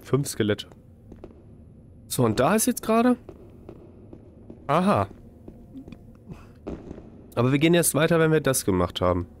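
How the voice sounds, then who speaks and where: A man in his thirties jokes through colloquial, mock-exasperated let's play commentary at a desk indoors, using a close boom-arm mic with a headset, with faint game noise behind him. His medium-pitched voice swoops wildly in pitch, runs a little slow, and pauses often.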